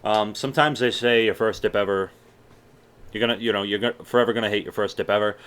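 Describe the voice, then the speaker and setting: His voice is on the low side, steady and fairly bright, and he talks quickly. A young man from Massachusetts, he answers viewer questions in a casual Q&A vlog with frequent swearing and a mild Boston accent mixed with general American.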